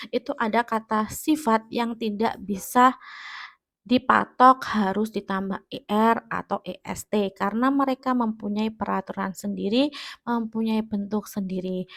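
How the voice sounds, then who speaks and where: A woman's voice: medium pitch, gravelly. A woman teacher with an Indonesian accent giving a grammar lesson, explaining step by step and checking that students understand. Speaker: English teacher. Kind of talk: classroom-style grammar lesson.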